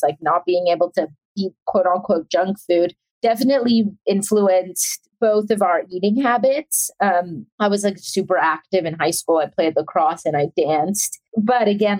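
A woman's voice: fairly low pitch, a little mellow, low-quality recording. A young adult woman from South Africa, a chef talking as a guest in a casual interview, chatty and rambling with many fillers.

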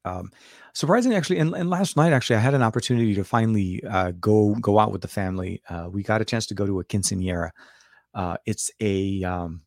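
A middle-aged man with a lowish voice, a little coarse and worn after a late night, hosts a casual tech livestream. He rambles and often rephrases himself as he talks to viewers. The sound is dry and close, with very little room. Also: quick pace, gravelly, no room sound. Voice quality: slightly coarse voice. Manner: rambling, repeats and rephrases words. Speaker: tech reviewer and livestream host.

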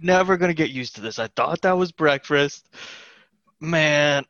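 A man's voice: a little high, unhurried, a bit bright, highs cut off. A man chatting casually and improvising as a player in a tabletop game. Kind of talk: casual chat, improvised role-play.

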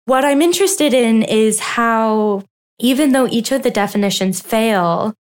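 A young woman, a doctoral researcher, giving articulate, animated answers in an interview. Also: a little high, unhurried. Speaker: guest, philosophy doctoral researcher.

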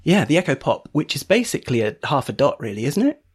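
A man's voice: mid-range voice, big pitch swings, quick pace, a little hiss or hum. A man co-hosting a podcast in casual chat, with an understated, slightly hesitant, teasing manner. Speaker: podcast co-host.

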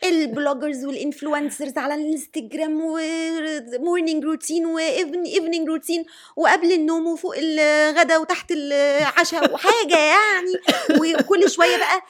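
Egyptian woman in her 40s, high-pitched, quick, probing interviewer. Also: fairly even intonation, a bit bright. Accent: Egyptian Arabic. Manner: probing, restates and checks understanding. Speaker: podcast host. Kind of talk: casual podcast chat.

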